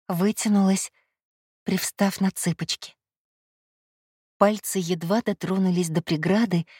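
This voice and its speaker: Low-voiced woman reading a fantasy audiobook. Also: a little mellow, dry recording, clean studio sound. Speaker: audiobook narrator. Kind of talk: first-person fantasy audiobook narration.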